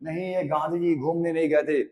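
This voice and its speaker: Guy teaching history to kids, high voice, keeps asking haan ya na, lots of room echo. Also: steady tone, brisk, a little mellow. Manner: mixes Hindi and English, calls students 'beta', keeps checking "haan ya na?". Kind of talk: classroom history lesson. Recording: long reverb, echoey room.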